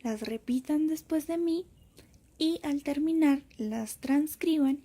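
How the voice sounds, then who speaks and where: A woman teacher reading a scripted lesson, explaining each point slowly and carefully. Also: high voice, mellow. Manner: slow, careful explanatory delivery.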